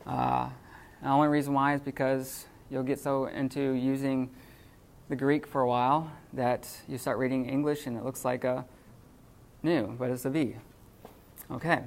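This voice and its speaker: A man teaching a classroom lesson off the cuff, halting with many fillers and restarts. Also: medium pitch, level tone, creaky. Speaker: Greek teacher.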